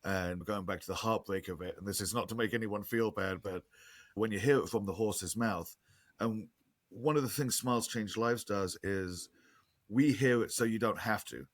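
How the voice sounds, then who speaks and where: On a dry recording, a man whose voice sits on the low side speaks at a moderate pace with a slight lisp. Appearing as a nonprofit guest in a podcast interview, he explains casually and earnestly, chatty and prone to many restarts.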